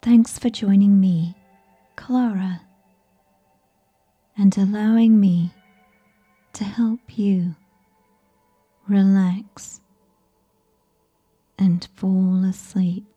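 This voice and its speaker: A woman reads a sleep story softly, as if right in your ear. Her voice is very dark and mellow, breathy and half-whispered. She takes her time with every phrase, keeping it gentle and soothing. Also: mid-range voice, fairly even intonation, very slow, pauses often, soft background music. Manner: whispery, close in the listener's ear. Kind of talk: soft ASMR scripted bedtime narration.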